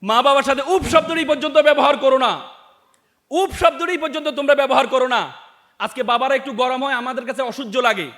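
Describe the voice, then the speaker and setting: A man's voice: extremely high pitch, fast talker, fairly bright tone. A man giving an impassioned motivational speech to students and parents, repeating phrases for emphasis. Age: adult, has lost his father. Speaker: motivational speaker.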